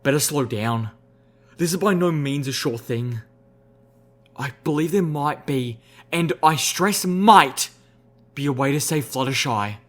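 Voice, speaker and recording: A man's voice: mid-range voice, animated, a little slow, a bit bright. A man voicing a cautious, thoughtful young mare heroine in an audiobook reading, speaking carefully and hesitantly. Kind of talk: audiobook character voice.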